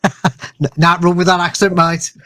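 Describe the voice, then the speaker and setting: A man's voice: sits high, little pitch movement, unhurried, bright, forceful tone, no room sound, clean studio sound. A man hosting a podcast, asking questions and responding with friendly, brief affirmations. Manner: friendly, short affirming replies. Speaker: podcast host. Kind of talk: casual interview chat.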